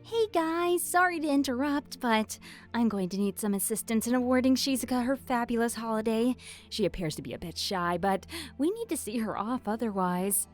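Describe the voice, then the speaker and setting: A woman's voice: on the high side, expressive, moderate pace, faint music behind, natural voice. A woman voicing a theatrical, mock-sweet and sadistic female hologram AI game show host in a video game. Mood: mock-cheerful.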